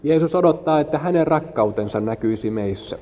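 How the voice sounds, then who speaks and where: Line by line, this man renders a sermon in a church hall, tracking the preacher's rises and falls while making small slips and starting over. His voice is a little high and expressive, captured muffled amid the hall's reverberation.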